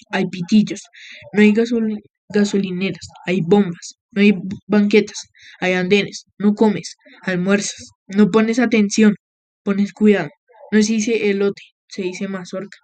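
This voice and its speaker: A woman's voice: mid-range voice, a little mellow, no room sound. A woman vlogger giving a casual explainer, rattling off contrasting word pairs one after another. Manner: brisk listing of word pairs.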